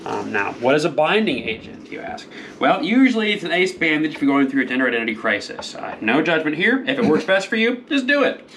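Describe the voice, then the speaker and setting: A man hosting a cooking demonstration, rambling through crude deadpan jokes and slurring a little from drinking. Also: on the high side, a little fast, slight background noise. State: a little tipsy, slurring slightly. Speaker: cooking show host.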